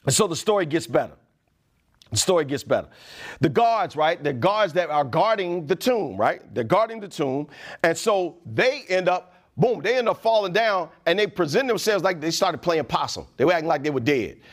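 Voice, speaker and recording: A male pastor preaching a sermon in an animated way, dropping slang asides. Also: a little high, moderate pace.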